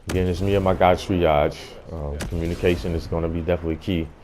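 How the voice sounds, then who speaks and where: A man's voice: deep voice, flat delivery, fast talker, darkish tone, slight background noise. A man giving a casual gameplay tutorial as host, explaining things in an informal way.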